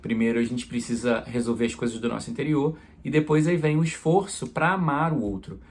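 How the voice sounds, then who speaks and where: Speaking in a relaxed, conversational way and a little fast, a priest gives a homily illustrated with everyday examples. His ordinary male-pitched voice is slightly husky and breathy.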